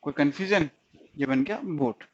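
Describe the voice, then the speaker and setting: A man's voice: a little high, normal speed. A male stenography teacher giving a recorded lesson, explaining step by step, repeating each sound and checking that students follow. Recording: dull lo-fi sound.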